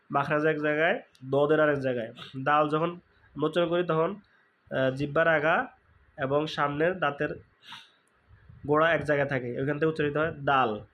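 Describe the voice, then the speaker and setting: A man's voice: on the high side, lo-fi sound, a little hiss or hum. A man teaching Quran recitation, patiently repeating each sound for practice. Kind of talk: recitation lesson.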